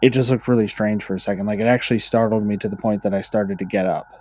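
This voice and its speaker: Rambling, low-voiced man. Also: steady tone, fast, a little mellow. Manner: rambling, with many fillers and restarts. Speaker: podcast co-host. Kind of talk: casual chat and reading spooky stories.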